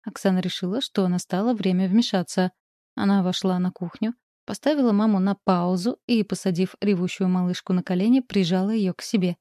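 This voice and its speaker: A woman narrating a literary story in a calm, measured audiobook reading. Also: mid-range voice, no echo, studio quality.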